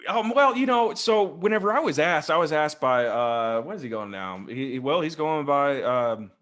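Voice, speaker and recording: A man's voice: fairly high pitch, very animated, moderate pace, a bit bright. A man, a Freemason guest in a casual interview, rambling and jokey as he tells stories into a desk microphone over a video call. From West Texas.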